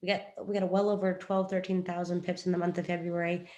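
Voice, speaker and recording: A trading coach chats her way through a chart in a casual screen-share, rambling and joking about herself. Her voice is on the low side and dark, with a flat delivery and a fast pace.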